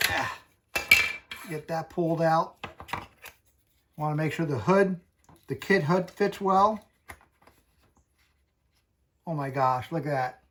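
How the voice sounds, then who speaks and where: A man hosting a hobby channel, talking through a casual tutorial in a chatty, folksy, unhurried way. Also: on the high side, slight background noise.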